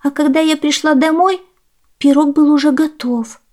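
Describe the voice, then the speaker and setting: A woman voicing a timid, obedient little peasant girl with a high, pleading voice. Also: fairly even intonation, moderate pace, darkish tone, lightly acted.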